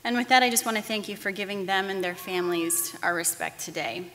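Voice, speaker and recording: A woman's voice: medium pitch, a bit bright, slight background noise. Candid woman speaking at a podium. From Texas-Mexico border region. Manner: candid, halting, with restarts and fillers. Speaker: commencement speaker, news anchor. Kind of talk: commencement address. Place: large auditorium stage. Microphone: podium microphones. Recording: long hall reverb.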